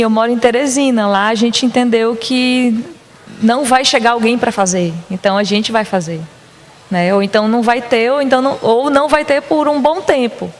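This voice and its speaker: A woman dance artist speaks in a somewhat high voice, thinking aloud with hesitant phrasing. She sounds casual and reflective in a panel conversation. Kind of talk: panel discussion.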